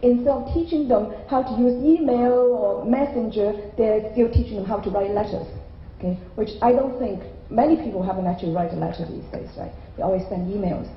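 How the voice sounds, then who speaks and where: In a big hotel conference hall, an Irish-raised middle-aged woman gives a chatty keynote on a handheld mic, regularly checking in with "okay?". She talks briskly in a mid-range voice. There's a little hiss or hum, and the acoustics are roomy and a bit dull.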